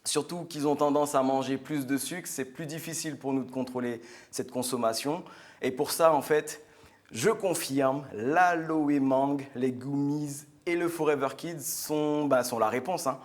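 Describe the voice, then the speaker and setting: A man of ordinary, mid-range pitch speaks earnestly in a TV studio. His delivery is chatty and enthusiastic, full of small fillers and restarts. He sounds like a guest sharing personal testimony. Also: measured pace. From French Guiana. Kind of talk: product presentation on a live show.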